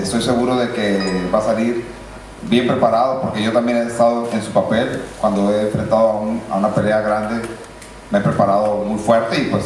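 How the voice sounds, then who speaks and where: A man from Mexico with a Mexican accent, a boxer making unscripted, slightly halting remarks at a press conference. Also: fairly low pitch, a little mellow. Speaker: professional boxer. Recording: echoey hall from far off, faint noise.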